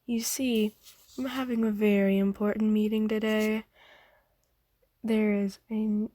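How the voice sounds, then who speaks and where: For an ASMR roleplay, a woman lightly acts a gentle, doting vampire noblewoman who keeps a pet. Her dark, velvety voice is soft and frequently half-whispered, slow and low-key with little variation in pitch, gently formal and coaxing. The recording is close and dry.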